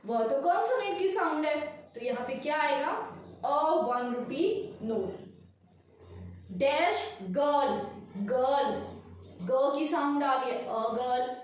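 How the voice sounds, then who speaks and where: Lady teacher going over grammar slow, super echoey room, a bit far from the mic. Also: sits high, slight background noise. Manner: explains step by step, asks and answers her own questions; slow, deliberate English, quicker Hindi. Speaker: English teacher. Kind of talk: classroom grammar lesson.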